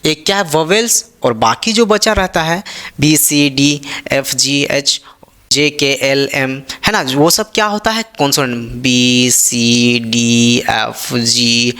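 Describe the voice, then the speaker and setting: Speaking slowly at a medium pitch, this man teaches grammar in Hindi as if to a class, hammering points home with repeated rhetorical questions. His delivery is pushed and bright yet smooth.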